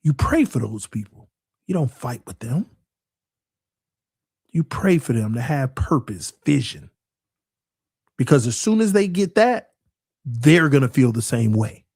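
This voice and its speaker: A man's voice: mid-range voice, very animated, unhurried, pauses often, a little mellow, slightly rough, dry recording, studio quality. Earnest forty-year-old man preaching at the mic. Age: 40s. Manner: earnest, repetitive, builds to emphatic preaching. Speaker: sports podcast host. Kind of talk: casual preachy monologue.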